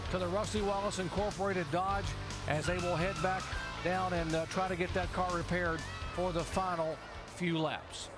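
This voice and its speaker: A man anchoring a television race broadcast as lead motorsport commentator, recapping and setting up discussion. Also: high-pitched.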